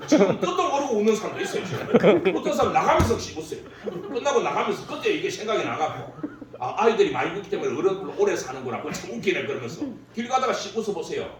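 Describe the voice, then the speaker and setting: A man giving a humorous workshop lecture, joking and laughing at his own stories. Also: high voice. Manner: jokey, laughs at own stories, lively delivery. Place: lecture hall. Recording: very echoey hall, distant mic, faint hum.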